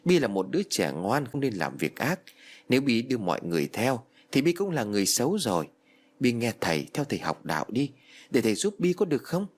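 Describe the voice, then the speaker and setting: A man voicing a patient older Buddhist master who gently coaxes a ghost child in a spoken ghost story. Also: mid-range voice, very animated, a little fast. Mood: coaxing. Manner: soft, patient, persuasive.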